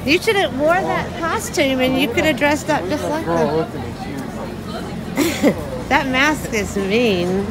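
A woman with a slightly high voice talks slowly and chattily while she films a night street party on her phone. She laughs and quizzes passers-by about their costumes. Loud music and a dense crowd roar behind her in the open street. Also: lively intonation. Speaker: vlog host filming a street crowd. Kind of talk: casual street vlog chat.

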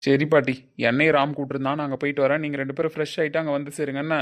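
A man's voice: on the high side, little pitch movement, racing. A man playing a grandson in a homemade family drama, exasperated and lecturing.

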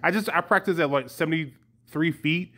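A man's voice: a little high, normal speed, fairly bright tone. A man, a young adult, chatting casually to his viewers in a rambling, hesitant way with frequent chuckles. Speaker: vlogger.

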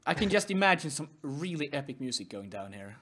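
A man's voice: a little high, very animated, fairly quick, fairly bright tone. A man co-hosting a casual manga review who mostly chimes in with short agreements and playful asides. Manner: brief agreeing interjections, laughs easily, playful sound effects. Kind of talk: casual chat.

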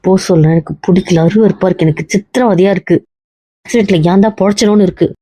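A woman's voice: mid-range voice, fast talker, mellow, breathy edge, no echo, natural voice. A woman playing a distraught young wife in an amateur family drama, with an anguished, bitter delivery. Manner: anguished, rising to cries. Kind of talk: amateur web-series acting.

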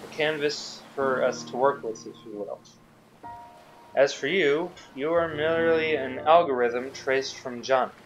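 A man reading the lines of a calm female scientist in a game playthrough, in a measured, explanatory way. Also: mid-range voice, dull audio, soft background music, natural voice. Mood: explaining.

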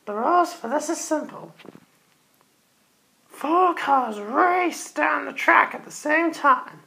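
A woman's voice: high-pitched, slow pace, creaky, bright, forceful tone. A woman hosting a Halloween toy car race in a theatrical, teasing way, cackling between lines. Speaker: host.

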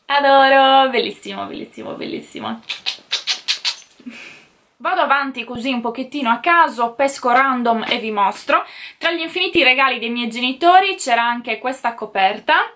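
A woman's voice: sits high, a bit bright, slight background noise. A young woman speaking to camera in a casual, enthusiastic chat about the Christmas gifts she got, gushing as she shows each one. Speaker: beauty vlogger.

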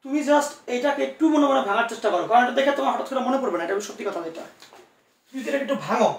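A man teaches physics in an online class, talking fast and reassuring his students as he coaxes answers out of them. His voice is high and gravelly. He sits a little back from the mic in an echoey room. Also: animated, recorded from a distance. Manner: quick, coaxing, reassuring tutoring with many asides.

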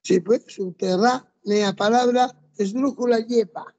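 Slow, mellow-voiced classroom teacher. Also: medium pitch, lo-fi sound. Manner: methodical, drills rules step by step and quizzes students. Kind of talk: classroom lesson.

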